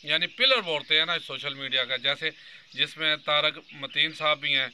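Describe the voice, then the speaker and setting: A man's voice: fairly high pitch, moderate pace, sharp tone, slight background noise. A man in his fifties from Pakistan giving an earnest political commentary monologue, addressing his viewers directly. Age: 50s. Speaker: vlogger.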